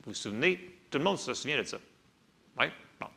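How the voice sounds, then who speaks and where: A man preaching a sermon with a Québécois accent, talking to the congregation in a lively, conversational way and often checking in with "ok?". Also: medium pitch, brisk, gravelly. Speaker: pastor.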